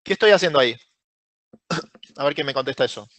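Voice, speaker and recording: A man's voice: mid-range voice, expressive, fairly quick, fairly bright tone, no room sound. A man with a Rioplatense Spanish accent teaching a live online spreadsheet class, explaining step by step, quizzing students and praising their answers by name. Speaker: Excel course instructor.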